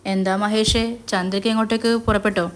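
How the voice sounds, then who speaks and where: A woman's voice: mid-range voice, little pitch movement, a little fast, lightly acted. A woman voicing a scheming male accomplice who gives orders in an urgent, commanding way.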